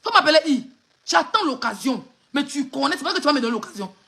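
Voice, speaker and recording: A woman's voice: high-pitched, very animated, fast, creaky, bright, forceful tone. A woman with an Ivorian French accent on a phone live stream, hurling insults and mocking laughter in an angry rant.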